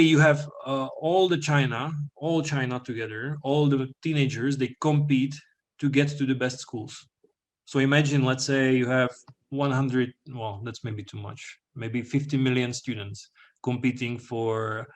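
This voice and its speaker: Man giving a slide talk, "all right?". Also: medium pitch. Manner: explanatory, frequent "all right?" check-ins and fillers. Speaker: presenter.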